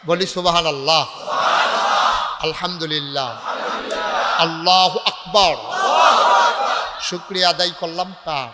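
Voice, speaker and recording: A man's voice: a little high, long reverb tail, very noisy. A man from Bangladesh preaching a waz sermon. He banters with the crowd and moves into sung, chanted phrases that call for responses. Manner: breaks into sung, chanted delivery and rouses the crowd to call back; banters with the audience and gives directions to the crowd. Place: large night gathering.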